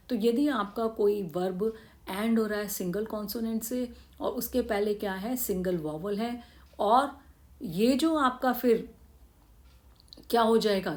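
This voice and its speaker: A woman's voice: mid-range voice, a little mellow. Indian woman teaching English grammar. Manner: explains step by step, asks and answers her own questions. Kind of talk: classroom grammar lesson.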